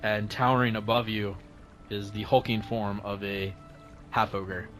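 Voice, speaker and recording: Guy game mastering, lowish voice, halting and improvised, music playing behind him. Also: fairly even intonation, a bit bright. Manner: hesitant, improvising with many pauses. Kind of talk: casual tabletop game narration.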